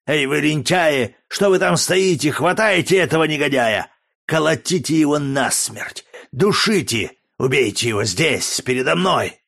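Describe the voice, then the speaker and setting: A man reading an audiobook, voicing a sick, raging old Roman dictator with a hoarse, frenzied voice. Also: mid-range voice, takes it slowly, a bit bright.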